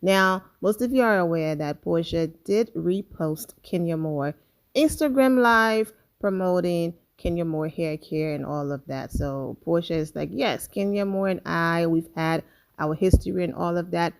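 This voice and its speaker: A woman with a slightly low voice hosts a celebrity gossip channel, speaking directly to her viewers. Her casual commentary is chatty and emphatic, delivered at an unhurried pace.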